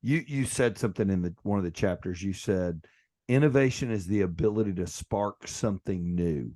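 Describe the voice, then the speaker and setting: Low-voiced man hosting a podcast. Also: moderate pace, dark tone. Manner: affirming, eager questions. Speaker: podcast host. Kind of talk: podcast interview.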